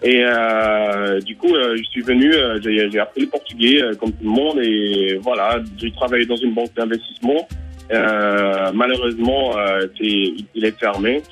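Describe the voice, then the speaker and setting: A man from Senegal with a slight Brazilian accent, calling into a radio show over a lagging long-distance phone line and speaking hesitantly with many pauses and fillers. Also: on the low side, a bit bright, soft background music. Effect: delayed long-distance phone line. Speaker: caller.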